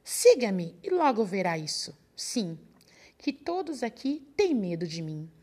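A woman's voice: medium pitch, sing-song, a little slow, darkish tone. A woman voicing a small, clever male mouse who talks boldly and cheekily in a storybook reading. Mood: boastful.

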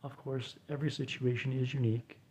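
Man, mellow dark voice, soft and half whispered, deadpan asides, faint hiss behind. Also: medium pitch. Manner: soft, slow, often whispered delivery. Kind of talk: quiet reflective readings and recipe read-aloud.

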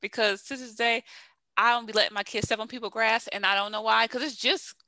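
A co-host talks in a bright, forceful voice, firm and emphatic about their views. The sound is dry and close, with no room around it. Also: mid-range voice, fairly even intonation, brisk, dry recording. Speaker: podcast co-host. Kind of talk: casual chat.

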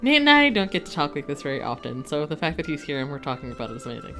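A woman's voice: low voice, very animated, racing, a bit bright, faint music behind. A woman co-hosting a casual podcast chat, talking in a chatty, giggly way full of fillers. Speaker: podcast co-host.

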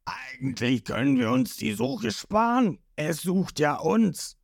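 Commanding fish-man boss, played by a woman, gruff, slow, somewhat raised pitch. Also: big pitch swings, no room sound, studio quality, full character voice. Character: domineering male fish-man pirate boss.

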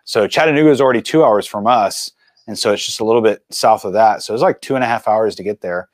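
A man in his forties, a filmmaker and mountain biker, telling stories as a guest in a casual interview with animated, chatty energy. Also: on the low side, quick pace, dry recording. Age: 40s.

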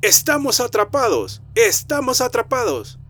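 A man's voice: very high voice, wildly swooping pitch, a little slow, a bit bright, voice pushed up, full character voice. Man voicing wailing plane-crash ghosts. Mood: desperate. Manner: repeating cries for help.

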